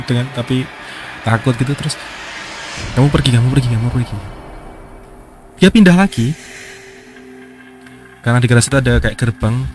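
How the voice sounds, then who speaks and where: A man tells a creepy personal story in a relaxed, halting way, pausing and quoting himself. His voice sits at an ordinary middle pitch. Music plays clearly behind him. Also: poor audio. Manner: hesitant, quoting his own words, soft-spoken. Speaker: guest storyteller. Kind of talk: casual horror story telling.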